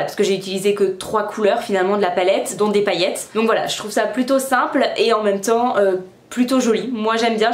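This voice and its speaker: Chatty woman in an echoey room. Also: on the high side. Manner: chatty, step-by-step, frequent filler "euh". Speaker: beauty vlogger. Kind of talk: casual makeup tutorial narration. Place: room at home.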